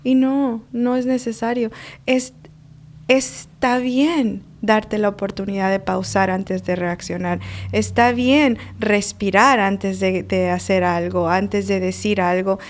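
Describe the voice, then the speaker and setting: A woman's voice: mid-range voice, fairly even intonation, slow. A woman life coach and mother, speaking earnestly about emotions and child-rearing, telling personal stories in a conversational interview. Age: adult mother. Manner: earnest, uses personal stories and acted-out quotes.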